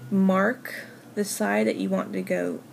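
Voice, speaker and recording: Creaky-voiced woman giving a casual craft tutorial. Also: medium pitch, flat delivery. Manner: informal, halting, thinking aloud. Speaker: hobby video host. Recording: noisy home recording.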